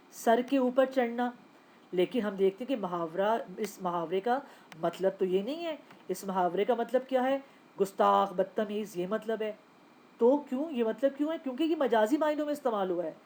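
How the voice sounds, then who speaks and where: A woman's voice: mid-range voice, a little mellow. A woman teaching a recorded Urdu class, explaining step by step and answering her own questions, with a Pakistani Urdu accent. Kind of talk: recorded lecture.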